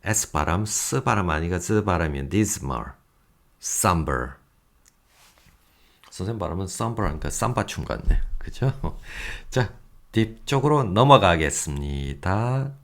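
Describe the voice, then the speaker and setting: A male English teacher records a vocabulary lecture, his fairly low voice rising and falling in wide swings. He reads English examples slowly and deliberately, then drops in self-mocking jokes. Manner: lively, self-mocking asides with chuckles.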